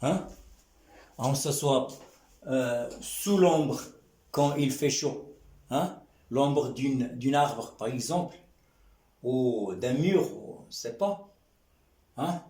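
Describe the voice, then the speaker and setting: A man teaching an Arabic reading lesson in French, sounding out syllables slowly and checking in with his students again and again. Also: mid-range voice, dark tone. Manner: drawn-out syllables, frequent questioning "hein?". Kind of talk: slow classroom lesson. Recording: echoey room.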